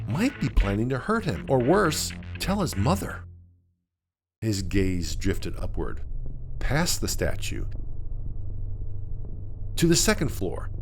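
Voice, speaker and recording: A man with a mid-range voice narrates a scripted mystery. He phrases things deliberately, building drama and suspense.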